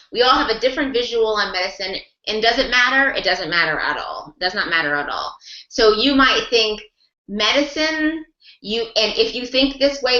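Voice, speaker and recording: Leading an online class discussion, an ASL interpreting mentor encourages her group and walks through example after example, rephrasing and repeating as she goes. Her voice sits on the high side, bright and forward. It arrives over a dull, echoey video call line.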